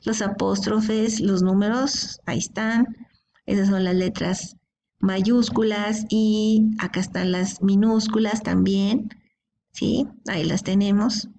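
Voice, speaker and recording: A woman teaches a programming class in a screen-recorded coding lesson, explaining each step and often checking in with her students through "¿sí?" and "¿de acuerdo?". Her mid-range voice is mellow and slow, with fairly even intonation, over slight background noise.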